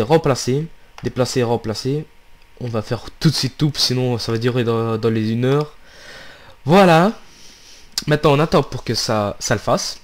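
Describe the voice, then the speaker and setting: A man talks through a software tutorial at his computer in a casual, unscripted way. He hesitates often and restarts his phrases as he walks through each step, recorded on a desktop microphone. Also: medium pitch. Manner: hesitant, many fillers and restarts, steps through clicks. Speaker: tutorial maker.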